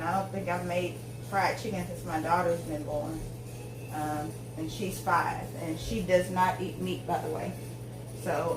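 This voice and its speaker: A chatty woman in her 40s vlogs while cooking in her echoey home kitchen. Her voice is lowish and picked up from a distance. She rambles talkatively, with many ums and tangents.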